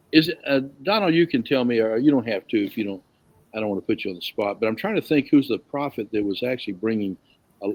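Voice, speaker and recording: A man teaching a casual Bible study group, rambling a little and asking the group questions. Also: medium pitch.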